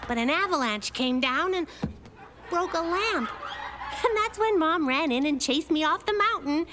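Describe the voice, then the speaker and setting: A woman voicing a spirited, mischievous little girl in a children's cartoon, with expressive, perky delivery. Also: very high-pitched, normal speed, noisy background. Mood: wry storytelling. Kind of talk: animated children's cartoon acting.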